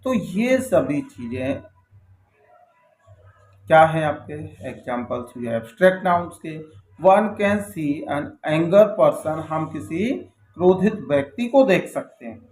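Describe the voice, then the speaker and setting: A man teaching English grammar, who reads each English line slowly and then goes through it step by step. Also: a little high, expressive, darkish tone. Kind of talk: classroom-style grammar lesson. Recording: echoey room.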